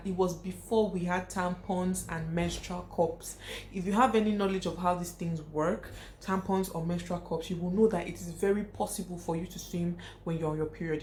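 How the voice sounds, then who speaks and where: A young vlogger with a somewhat low, slightly mellow voice talks casually to the camera, offering blunt advice and restating her points for emphasis. Faint hiss and room echo can be heard.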